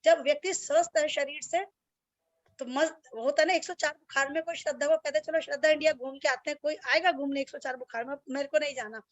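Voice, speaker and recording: Over a dull, lo-fi video call, a high-pitched woman speaks a bit fast with fairly even intonation, and the recording is dry. She's a yoga teacher addressing her online class plainly and bluntly, describing herself as strict.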